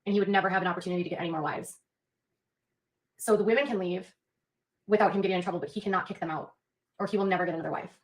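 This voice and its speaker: A woman's voice: fairly low pitch, rapid-fire, pauses often, low-quality recording. A woman on a livestream earnestly explaining a point at length in casual talk.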